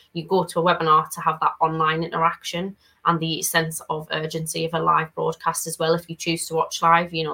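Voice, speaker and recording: Bright, even-toned woman giving advice. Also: deep voice, gravelly, poor audio. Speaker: panelist. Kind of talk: casual panel discussion.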